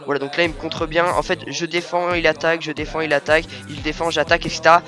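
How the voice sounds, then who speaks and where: A man's voice: a little high, level tone, fast, pushed and bright, faint music behind. A man casually commenting over a video game as the host, often repeating himself and leaning on verbal tags.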